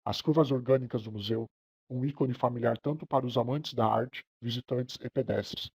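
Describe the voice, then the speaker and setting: A young Brazilian man speaking as a famous old American architect, reading a scripted first-person account in a steady, proud tone for a class project. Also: mid-range voice, moderate pace, husky, no room sound. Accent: Brazilian Portuguese. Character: famous elderly male American architect, proud of his work. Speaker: architecture student.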